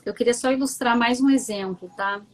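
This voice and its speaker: On a rough recording, a woman with a southern Brazilian gaúcho accent speaks briskly in a higher register. A coach appearing as a guest on a live stream, she tells a personal story in a chatty, candid way, often checking in with "entende?".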